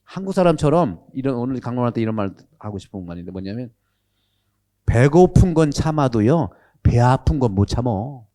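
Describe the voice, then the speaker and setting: Lively priest lecturing, mellow voice. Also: male voice, medium pitch, moderate pace. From Jeolla, Korea. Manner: animated, asks the audience questions. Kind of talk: catechism lecture to a live audience. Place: lecture room with an audience.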